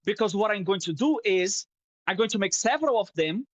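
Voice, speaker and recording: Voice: mid-range voice, expressive, brisk, no echo. A streamer chatting casually while drawing, rambling and swearing, openly sentimental, on a headset mic.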